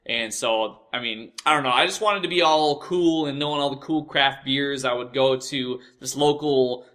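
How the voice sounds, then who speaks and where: A young American man with a bright, forward voice of average pitch hosts a personal storytelling show, rambling loosely and casually through his stories. His speech is profane, repetitive, and halting, full of swearing, repeats, and self-corrections.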